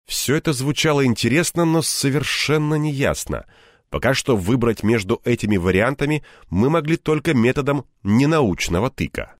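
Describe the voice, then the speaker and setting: A man's voice: medium pitch, dry recording, clean studio sound. A man narrating a first-person audiobook, wry and a bit grumbling as the hero. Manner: wry, grumbling when in character.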